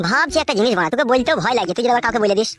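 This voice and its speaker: A woman's voice: fairly high pitch, lively intonation, rapid-fire, soft background music, close to an everyday voice. A woman doing a crude cartoon buddy. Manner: crude, bantering. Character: foul-mouthed young male friend. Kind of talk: comic cartoon dubbing.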